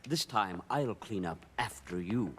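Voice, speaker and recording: An actor playing the Penguin, a scheming villain with refined airs, smug and sardonic in a mock-courtly way. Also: male voice, fairly low pitch, lively intonation, unhurried, fairly bright tone, slight background noise. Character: scheming grown man, a short stout criminal with refined airs. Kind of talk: animated series voice acting.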